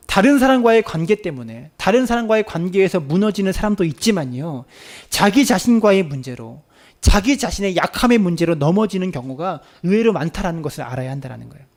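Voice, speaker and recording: A man's voice: a little high, darkish tone. A male pastor giving a Sunday sermon in church, earnest, repeating phrases for emphasis and addressing the congregation directly. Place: church sanctuary.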